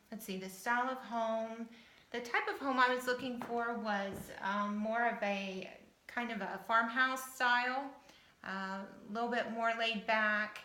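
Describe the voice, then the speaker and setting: A fifty-year-old American woman from Southern Ohio speaks in a slightly high, bright, forceful voice. She's applying for a house-hunting show, chatting casually and informally to camera as if introducing herself for an audition, in an echoey room.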